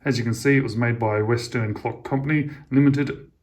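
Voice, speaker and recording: A man's voice: medium pitch, fairly even intonation, moderate pace. A man, chatting casually and with enthusiasm as he reviews a vintage alarm clock for his channel.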